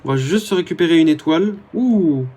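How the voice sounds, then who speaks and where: A man's voice: a little high, animated, fairly quick, dark tone. A man giving casual, rambling commentary over his own gameplay, talking to his viewers with many hesitant fillers. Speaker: gaming YouTuber.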